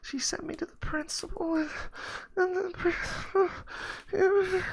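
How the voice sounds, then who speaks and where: A man's voice: steady tone, exaggerated voice. A timid whispery little boy. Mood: scared, halting. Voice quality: high, breathy and whispery. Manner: halting, stammering, barely audible. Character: frightened five-year-old boy, timid and tiny.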